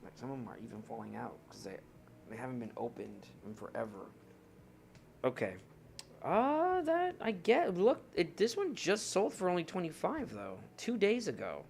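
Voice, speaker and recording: A man's voice: medium pitch, big pitch swings, normal speed, creaky, a little mellow, slight background noise. A young man streaming live, chatting casually and rambling to his viewers while he looks through his cards. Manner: rambling, chatty, talks to chat while browsing.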